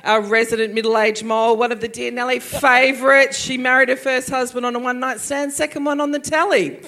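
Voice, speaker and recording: A woman's voice: fairly high pitch, fairly even intonation, fairly quick. An Australian woman hosting a live comedy podcast, cheeky and teasing, swearing freely. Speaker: host. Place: ballroom stage before an audience. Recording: live show with loud crowd.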